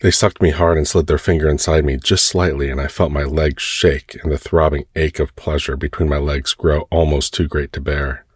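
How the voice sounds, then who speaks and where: Very deep, husky male narrator. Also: dry recording, studio quality. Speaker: story narrator. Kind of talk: first-person erotic story narration.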